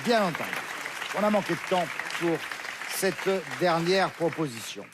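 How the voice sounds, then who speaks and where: A man hosting a television quiz show, reading clues briskly and confirming answers. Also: fairly high pitch, expressive, a loud crowd, very noisy. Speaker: game show host. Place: television studio with audience.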